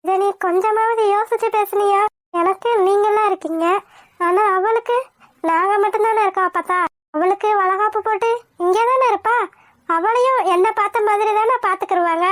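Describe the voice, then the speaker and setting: A young pregnant wife in a cartoon calmly holds her ground, as a woman voices her. Her voice is very high, earnest and insistent. It is recorded close and dry. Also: a little fast, no echo. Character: young pregnant wife, gentle but firm. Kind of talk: cartoon voice acting.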